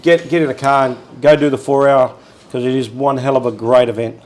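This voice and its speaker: A man co-hosting a casual chat at home, relaxed and rambling with lots of fillers. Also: mid-range voice, brisk, low-quality recording. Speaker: co-host.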